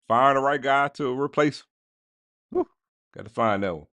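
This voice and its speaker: A man hosting a casual sports podcast, talking straight to his listeners in slangy, animated bursts. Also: mid-range voice, normal speed, no room sound. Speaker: podcast host.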